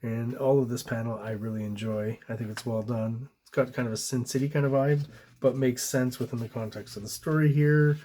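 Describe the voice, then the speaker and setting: A man casually reviewing comic book art page by page, rambling, often searching for words and pausing on ums, clearly enthusiastic about what he sees. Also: mid-range voice, fairly even intonation, mellow.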